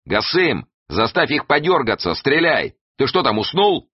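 A man's voice: fairly low pitch, wildly swooping pitch, normal speed, husky, dry recording, highs cut off, pitched above the performer's own voice, heavily acted. Man reading a cool-headed detective giving orders. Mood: urgent. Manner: calling out orders.

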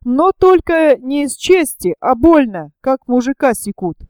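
A woman playing a blunt, scheming young male conspirator who speaks curtly and roughly. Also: high voice, sing-song, a little slow, a little mellow, no echo. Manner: curt and rough in speech.

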